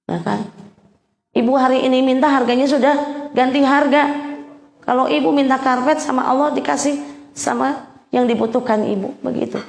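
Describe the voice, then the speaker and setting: A woman with a Javanese accent preaching to a group of women, lively and homely, acting out prayers in her own words. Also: sits high, normal speed, creaky, long pauses, roomy sound. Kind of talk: religious talk to a women's group.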